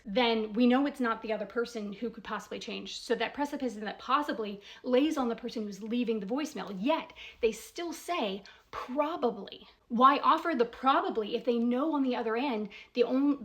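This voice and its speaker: Fairly high in pitch, a woman offers an offhand spoken analysis of a voicemail as a commentator. She moves step by step with emphasis, asks probing rhetorical questions, and checks in often with "right?"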